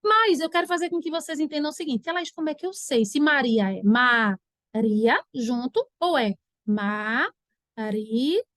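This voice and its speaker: A woman teacher giving an online grammar lesson, animated and acting out her students' questions. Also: high voice, fast talker, hardly any pauses, dry recording, studio quality.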